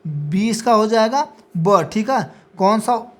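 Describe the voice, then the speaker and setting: A woman's voice: mid-range voice, expressive, slow pace. Woman, teacher, exam practice lecture, reads out options, confirms each answer. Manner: repeats a checking "ठीक है" after each answer.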